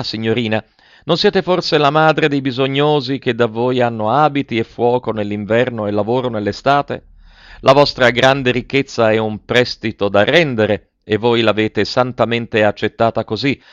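A man's voice: fairly low pitch, clean tone, no echo, natural voice. A man voicing an earnest village priest in an audiobook reading, admonishing and persuasive. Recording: dry, dull lo-fi.

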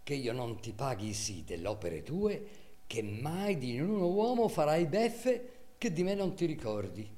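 A man's voice: mid-range voice, very animated, measured pace, dark tone, pitched above the performer's own voice. A man voicing a vengeful scholar. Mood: menacing. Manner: menacing, bitter. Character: vengeful young male scholar, cold and threatening.

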